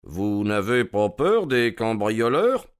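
A man voicing a calm male detective who asks measured, courteous questions. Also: on the low side, clean tone. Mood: probing.

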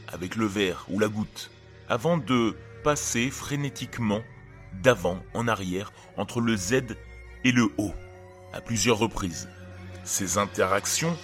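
A man, hosting and narrating a scripted horror show. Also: fairly low pitch. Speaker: host of a horror storytelling show. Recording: music behind the voice. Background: music.

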